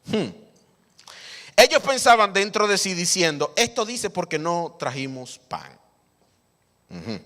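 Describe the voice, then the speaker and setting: A pastor with a notably high voice, preaching with lively swings of emphasis. He acts out scripture dialogue and chuckles along the way. His voice rings with the long echo of a church hall. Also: a little slow. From Dominican Republic. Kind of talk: sermon. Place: church sanctuary.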